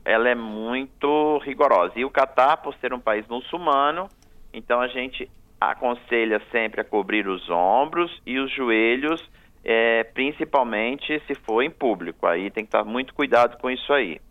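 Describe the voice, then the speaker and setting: Over a tinny phone line on a radio talk show, a male guest firmly and repeatedly explains the travel rules. He speaks at medium pitch and normal speed.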